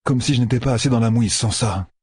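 A man doing a gruff, wary young man. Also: mid-range voice, quick pace, darkish tone, dry recording, clean studio sound, voice pushed up, lightly acted. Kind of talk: audiobook character voice.

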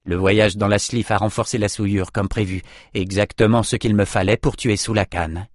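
A man reading an audiobook, voicing a calm, self-assured male hero who explains things in a matter-of-fact, wry way. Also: on the low side, moderate pace, no room sound, studio quality, lightly acted.

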